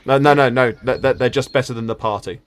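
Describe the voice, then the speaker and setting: A man's voice: medium pitch, steady tone, quick pace. A man narrating a tabletop game as game master, stammering through restarts and chuckling at the table.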